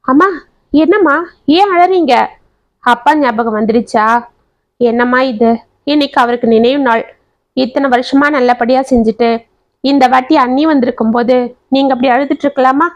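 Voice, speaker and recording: ஒரு பெண் கதைசொல்லி, துடிப்பான இளம் மகளின் குரலில் வேகமாகவும் ஆவேசமாகவும் பேசுகிறார். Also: female voice, sits high, muffled recording, lightly acted. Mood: worried. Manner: quick, fiery, eager. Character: spirited young graduate daughter, protective of mother.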